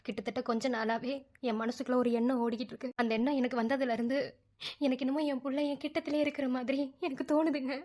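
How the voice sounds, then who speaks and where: This is a grieving mother in an animated drama, voiced by a woman. Her voice sits high, and she pleads with steady insistence that her son still lives. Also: fast talker. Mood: sorrowful. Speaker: cartoon voice actor.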